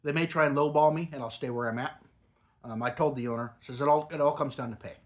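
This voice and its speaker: A man's voice: mid-range voice, fairly even intonation, fast talker. Middle-aged man talking around lip of dip. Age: middle-aged or older, a grandfather. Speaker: product reviewer. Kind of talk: casual rambling review chat.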